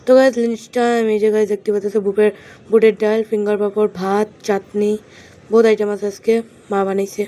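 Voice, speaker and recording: Soft-spoken young woman. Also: medium pitch, flat delivery, fast. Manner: chatty, often speaks softly. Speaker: vlogger. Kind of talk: casual home vlog. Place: at home, indoors.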